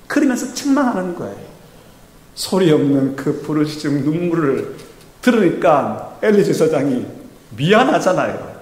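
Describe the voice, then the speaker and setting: A man's voice: sits high, darkish tone. A man preaching a Sunday sermon with emphasis, now and then acting out quoted speech. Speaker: pastor. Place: church sanctuary. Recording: echoey church hall.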